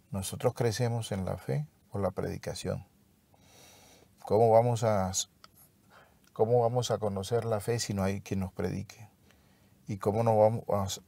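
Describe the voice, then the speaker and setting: A man leading a devotional Bible lesson in a slow, reflective way, pausing and restarting as he explains the text. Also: on the low side, creaky, mellow, dry recording. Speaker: Bible teacher.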